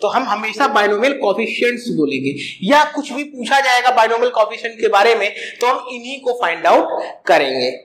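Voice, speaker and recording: A man's voice: very high-pitched, sing-song, a little fast, fairly bright tone, reverberant, low-quality recording. A man teaching a math lesson, explaining step by step and asking and answering his own questions.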